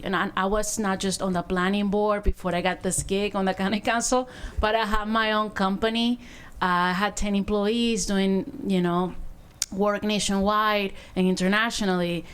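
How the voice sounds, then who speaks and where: A woman's voice: mid-range voice, clear, resonant tone. A woman from Venezuela, a council member telling a personal story in public remarks.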